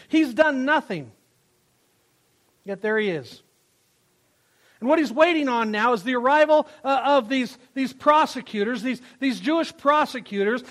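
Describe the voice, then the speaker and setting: A man preaching a sermon in a strikingly high voice. He is emphatic and repeats his phrases, swelling loud and then falling quiet. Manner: emphatic, repeats phrases, rises and drops in volume. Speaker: pastor.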